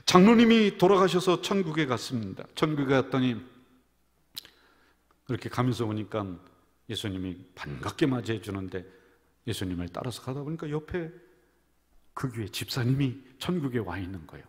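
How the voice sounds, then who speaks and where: A man, the senior pastor, preaching a sermon full of jokes and stories, swinging from loud calls down to near whispers. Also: medium pitch, animated, moderate pace, long pauses. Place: church sanctuary. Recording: church hall reverb.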